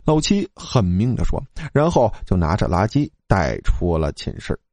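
Animated male storyteller. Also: low-pitched, moderate pace, dry recording. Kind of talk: narrating a comic ghost story.

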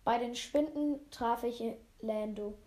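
A woman with a mellow, rather high voice reads a German novel aloud at a slow pace. It's an amateur, unpolished audiobook, and she often slips and goes back to re-read phrases.

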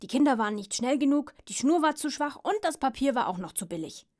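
A woman voicing a boastful, stubborn male pug dog in a storybook reading, in a loud, blustering manner. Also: high voice, expressive, quick pace, pitched above the performer's own voice. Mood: indignant.

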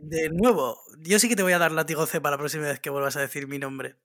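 A man's voice: fairly high pitch, steady tone, fast, a bit bright, no echo. A man co-hosting a podcast, joking in a dry, mock-formal way. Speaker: podcast co-host. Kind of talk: casual chat.

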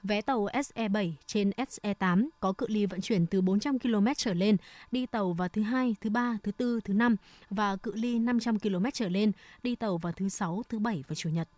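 A woman's voice: mid-range voice, brisk, a little mellow, no room sound. Woman reading scripted news, dry sound. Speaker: radio news presenter.

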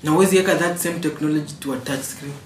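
A man's voice: on the high side, very fast. A young Kenyan man in a casual, slangy debate, switching between Swahili and English in a Kenyan accent. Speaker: podcast co-host. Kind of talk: casual chat. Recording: roomy, distant mic, faint noise.

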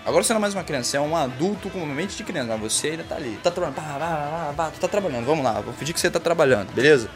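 A man with a Brazilian Portuguese accent hosting a comedy podcast, delivering a profane, animated rant monologue. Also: on the high side, rapid-fire, few pauses, music in the background.

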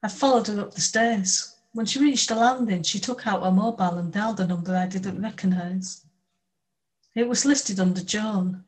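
A woman reading a first-person novel aloud in a steady, measured way. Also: medium pitch, low-quality recording. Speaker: audiobook narrator. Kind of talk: scripted first-person audiobook narration.

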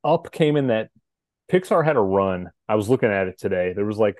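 Man in his thirties, podcast co-host, thoughtful casual chat, low warm voice. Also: lively intonation, a little fast, dry recording, studio quality. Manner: thoughtful, hesitant, restarts sentences.

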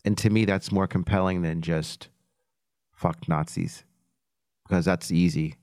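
Deep-voiced man speaking reflectively. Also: steady tone, a little slow, darkish tone, no room sound, clean studio sound. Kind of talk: casual roundtable chat.

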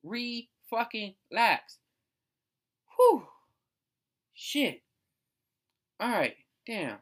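A woman's voice: mid-range voice, animated, moderate pace, a bit bright. A woman from the United States hosting a casual solo rant, blunt and profane, repeating herself for emphasis.

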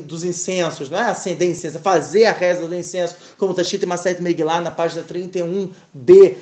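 High-pitched male teacher, lively and expressive, explaining scripture casually. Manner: animated, expressive teaching, sprinkled with Hebrew terms. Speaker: Torah teacher. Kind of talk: casual religious lesson.

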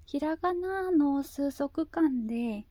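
A woman talking casually and haltingly in a cutesy anime-girl voice, often repeating herself as she searches for words. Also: high voice, animated, dark tone, no room sound. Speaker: video host. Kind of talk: slow casual monologue.

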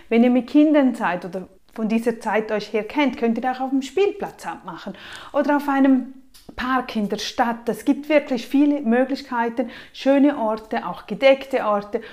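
A woman, giving casual, emphatic money-saving advice straight to the viewer, often dropping her voice softly. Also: fairly high pitch, normal speed. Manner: emphatic and lively, with frequent soft drops in volume. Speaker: personal finance advice vlogger.

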